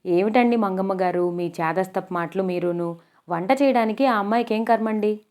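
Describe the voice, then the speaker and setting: A woman's voice: mid-range voice, moderate pace, lightly acted. A woman voicing a composed middle-aged aunt who firmly defends her niece in a storybook reading. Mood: reasoning. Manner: firm, reasoning, gently reproachful.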